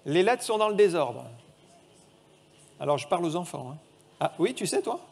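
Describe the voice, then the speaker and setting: A man's voice: high-pitched, sing-song, normal speed, gravelly, slightly rough. A man preaching a sermon in a church, reading scripture aloud and quizzing the children with a picture puzzle.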